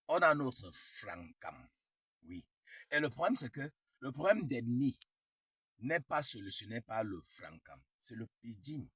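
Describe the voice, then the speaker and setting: A man's voice: medium pitch, fairly bright tone, husky, no echo. A young man chatting casually, repeating himself and sprinkling English words into his French. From Cameroon. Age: young adult. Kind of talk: casual chat.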